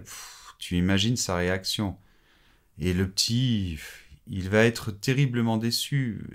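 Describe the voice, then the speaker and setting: A man playing an anxious young father pleading with a coworker in a scripted French lesson dialogue. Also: lowish voice. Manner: pleading, apologetic.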